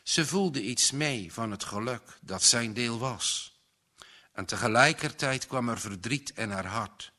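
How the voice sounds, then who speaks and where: A man reads a novel aloud in a slow, measured way. His voice is bright and clear, and his pitch rises and falls freely. The tone is calm and reverent. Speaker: audiobook narrator.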